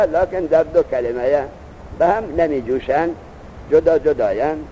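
A man's voice: on the high side, warm tone, a little hiss or hum. A man teaching a seminary grammar lesson, reciting Arabic text and then explaining it patiently. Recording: dull lo-fi recording.

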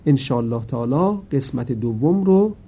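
Man, Quran reading lesson, careful slow explanation, warm mellow tone. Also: animated, husky. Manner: chants the words slowly, louder and higher. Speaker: Quran recitation teacher.

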